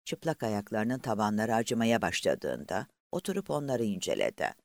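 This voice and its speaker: A man narrating a novel aloud in a measured, expressive storytelling manner. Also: on the low side, vocal fry, dry recording, clean studio sound. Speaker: audiobook narrator. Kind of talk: scripted narration.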